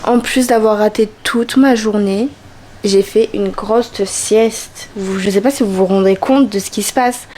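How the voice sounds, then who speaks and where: A young woman from France, eighteen, chatting casually to her viewers at home in an animated, self-mocking way. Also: medium pitch, a little slow, a little hiss or hum. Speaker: vlogger. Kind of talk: casual vlog chat to camera. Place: home, indoors. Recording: music playing clearly behind.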